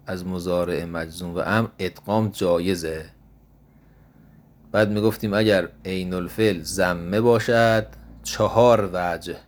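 A male teacher giving a grammar lesson in a slow, measured way, reciting verb forms one by one. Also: sits low.

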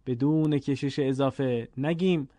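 A man's voice: mid-range voice, warm tone, dry recording. A man with a Persian accent teaching Quranic Arabic vowel lengths, patiently drawing out each sound in a classroom-style lesson. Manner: patient, repeats sounds slowly and deliberately.

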